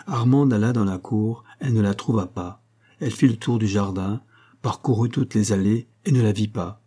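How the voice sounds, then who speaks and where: A man narrating a novel chapter in measured, scripted storytelling. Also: fairly low pitch, mellow, slightly rough. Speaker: audiobook narrator.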